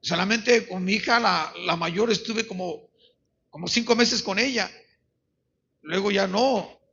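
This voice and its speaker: A man's voice: high voice, unhurried, creaky, bright, forceful tone, slightly rough. A middle-aged man with a Mexican accent, a pastor preaching a sermon with personal testimony, earnest and repeating words, often saying amen. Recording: dull lo-fi recording.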